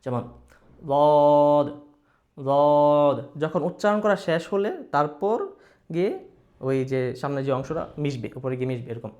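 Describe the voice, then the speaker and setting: A man teaching Quran recitation, explaining each letter patiently and sounding out letters loudly for practice. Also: on the high side, expressive, fairly quick, highs cut off. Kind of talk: slow explanatory lesson.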